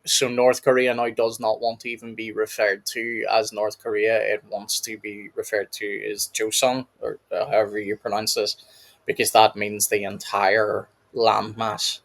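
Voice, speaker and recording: A man's voice: on the low side, flat delivery, moderate pace, creaky, fairly bright tone. Man, reaction host, casual commentary, rambling, laughs often. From United Kingdom.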